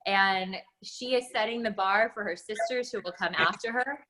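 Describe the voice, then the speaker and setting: A woman guest on a video call, speaking earnestly and a bit haltingly. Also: mid-range voice, background noise. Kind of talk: casual interview talk.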